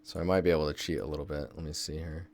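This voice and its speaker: A young Seattle man, a game environment artist, streams a relaxed tutorial from his desk, thinking out loud and answering chat as he works. His voice is very deep and a little mellow, with a steady tone and a racing pace.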